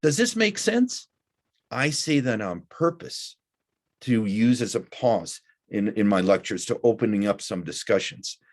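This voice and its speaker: A middle-aged man teaching a recorded college lecture, talking deliberately with frequent "uh" fillers. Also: on the low side, a little mellow. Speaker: college instructor.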